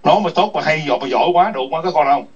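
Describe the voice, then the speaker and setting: A man's voice: a little high, lively intonation, rapid-fire, breathy edge. A man ranting in an online chat room, scolding and cursing with repeated taunting questions. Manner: foul-mouthed, scolding, repetitive taunts. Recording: distant muffled lo-fi mic.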